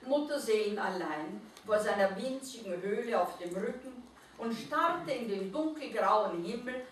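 A woman reading a Christmas story aloud at an Advent reading, in an expressive storytelling manner. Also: mid-range voice, measured pace, slight background noise. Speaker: reader. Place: reading event room. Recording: echoey room from far off.

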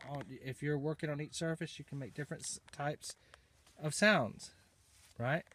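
A man's voice: fairly high pitch, normal speed, pushed and bright, slight background noise. A man co-hosting off camera, casually chatting about outdoor gear and prompting a child, recorded on a handheld phone in a small hunting blind. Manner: prompting a child with leading questions. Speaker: off-camera interviewer and co-host.

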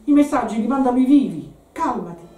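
A woman's voice: fairly high pitch, expressive, a little fast, mellow, natural voice. A woman reading aloud, voicing an anxious, edgy grown man who talks brusquely, recorded in a roomy space from a distant mic. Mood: tense.

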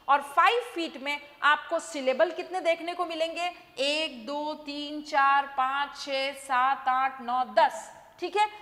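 A woman teacher giving an exam-prep lesson, explaining slowly and repeating herself as she checks each point and mixes in English terms. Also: sits high, a bit bright, big-room sound.

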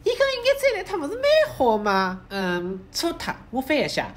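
A woman with a Shanghai accent voicing an expressive, bantering young friend in a comic sitcom dub. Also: high voice, normal speed. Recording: loud ambient background noise.

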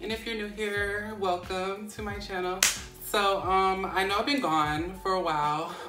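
A woman's voice: medium pitch, fairly even intonation, measured pace, reverberant, recorded from a distance, music in the background. A young woman vlogging a casual how-to, chatty and rambling, full of fillers and restarts. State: out of breath.

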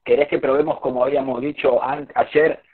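A man's voice: mid-range voice, level tone, a little fast. A man with an Argentine accent, talking in an easygoing, informal way over a glitchy, choppy video call before an online talk. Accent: Argentine Spanish. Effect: glitchy, choppy video-call audio. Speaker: guest lecturer. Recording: tinny video-call line, husky.

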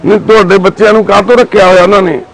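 A man's voice: high-pitched, flat delivery, rapid-fire, low-quality recording. A man working as a social worker, interviewing people on a roadside with probing and consoling questions. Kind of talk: on-the-spot interview.

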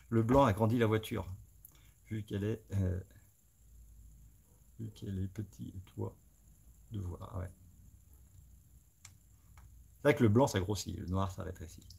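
A man hosts a live stream in a relaxed, chatty way, thinking aloud as he goes. His voice sits low and has a rough, gravelly texture. He addresses his viewers directly. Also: unhurried, pauses often. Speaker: host of a live scale-modeling stream. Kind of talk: casual live-stream chat.

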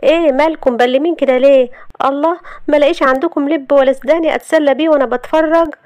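A woman's voice: high-pitched, steady tone, fast talker, darkish tone, no echo, pitched above the performer's own voice, close to an everyday voice. Woman doing a sassy Egyptian young wife. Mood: cheeky. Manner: sassy, argumentative. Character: feisty, stubborn young wife, quick-tongued.

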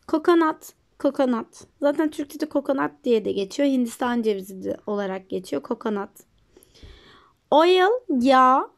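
A woman with a Turkish accent teaching an English vocabulary lesson, saying each word twice with emphasis and then giving its meaning. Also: fairly high pitch. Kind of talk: vocabulary lesson, repeat-after-me drills.

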